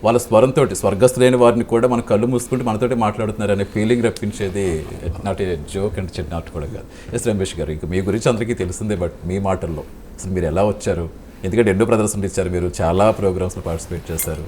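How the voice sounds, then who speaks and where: A TV interviewer with a very low voice speaks quickly. He strings out long questions full of praise for the guest, with a faint hiss underneath. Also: steady tone, mellow. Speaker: interviewer, TV channel host.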